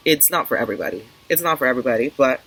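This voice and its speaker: Outdoors in an open garden, a woman video creator talks casually to her viewers in an extremely low, expressive, slightly bright voice at a very fast clip. She is hesitant and rambling, often interrupting herself and restarting sentences. The audio is poor, with wind, outdoor ambience and faint noise.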